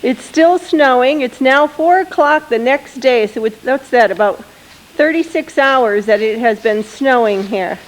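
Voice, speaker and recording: Filming her kids outside in the snow with an old handheld camcorder, a woman narrates the home video and coaxes the children to wave. Her voice sits high and unhurried. The built-in mic gives poor, faintly hissing audio.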